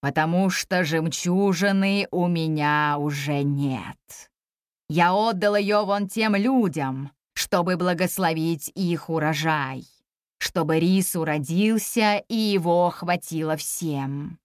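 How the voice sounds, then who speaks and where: A woman voicing a huge, stern male yellow dragon who speaks slowly and growls. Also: fairly low pitch, no room sound, clean studio sound, voice pushed down. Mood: grave. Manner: slow, growling.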